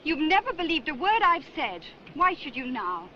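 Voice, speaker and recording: An anxious young woman, lively voice. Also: high-pitched, moderate pace, slight background noise, full character voice. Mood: earnest. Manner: urgent, pleading questions. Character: anxious young woman hunting for her missing friend. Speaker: actress in a 1960s horror film. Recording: dull 1960s film soundtrack.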